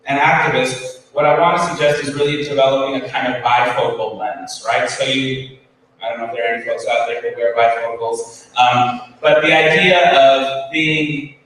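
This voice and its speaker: A man's voice: mid-range voice, steady tone, moderate pace, a bit bright. A man giving a conference keynote to educators, earnest, with many ums and restarts, recorded from far off. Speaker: keynote speaker. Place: school hall with audience. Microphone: far from the recording device. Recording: roomy hall from far off, faint ambience.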